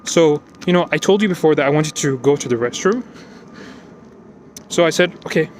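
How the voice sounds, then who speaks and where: Guy walking and venting, kinda breathless, higher voice, keeps restarting sentences. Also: animated, moderate pace, a little hiss or hum. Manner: emotional, repetitive, restarts often. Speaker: vlogger recounting an exam. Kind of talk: unscripted personal vlog. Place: outdoors, walking.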